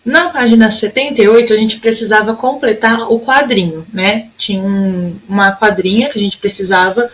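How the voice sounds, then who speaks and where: A young adult woman with a Brazilian Portuguese accent teaching a recorded lesson to children, patient and stretching words out slowly to show them. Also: mid-range voice, low-quality recording. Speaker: primary school teacher.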